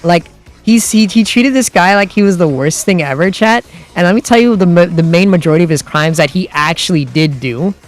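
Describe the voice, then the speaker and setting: Rambling man streamer, fairly high voice. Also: fairly quick, faint music behind. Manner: rambling, lots of "like" and restarts; grows heated and exasperated. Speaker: livestream host. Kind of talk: casual chat with stream viewers.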